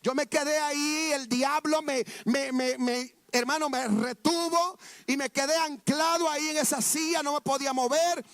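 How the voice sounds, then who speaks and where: A man's voice: very high voice, steady tone, moderate pace, few pauses, a bit bright, no room sound, clean studio sound. A man preaching a sermon testimony, fervent and repetitive, often calling out to his listeners as brothers.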